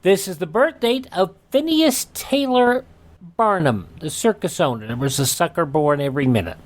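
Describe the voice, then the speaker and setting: Hosting a radio show, a man with an American accent runs through a this-day-in-history segment, reading his items in a casual but scripted way. He has a high-pitched voice with lively intonation and speaks at a normal speed.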